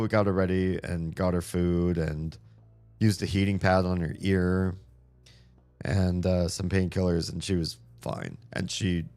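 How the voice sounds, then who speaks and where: A deep, darkish voice belongs to this man in his thirties, who streams a game while chatting casually. As his voice wears out, he rambles along in an easygoing manner, using lots of fillers.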